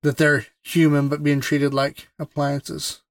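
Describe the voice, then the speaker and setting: A man co-hosts a gaming podcast in relaxed chat. His voice sits a little high and sounds smooth and resonant. The mic is close and dry. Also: a little slow, no echo. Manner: easygoing, laughs often, repeats words. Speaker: podcast co-host. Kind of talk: casual chat.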